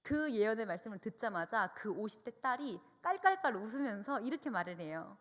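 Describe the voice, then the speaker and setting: A young woman, a youth minister, giving a lively testimony at a church meeting in a reverberant hall. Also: on the high side, brisk. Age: young adult. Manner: lively storytelling, acting out dialogue.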